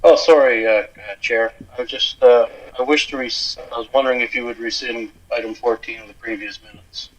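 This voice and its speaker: A man speaks from a remote call whose muffled, lo-fi audio keeps cutting out. He asks questions in a hesitant way, with frequent "uh" fillers, at a middling pitch. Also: steady tone, brisk, few pauses. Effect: lo-fi remote line that keeps cutting out. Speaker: town councillor calling in remotely. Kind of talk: council meeting discussion.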